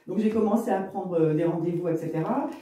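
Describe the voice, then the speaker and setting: A real estate business owner in her fifties from Lille, northern France, tells her career story as an interview guest, rambling chattily with plenty of fillers and asides. Her voice is fairly low, brisk, and mellow, picked up by a distant mic in a very echoey space.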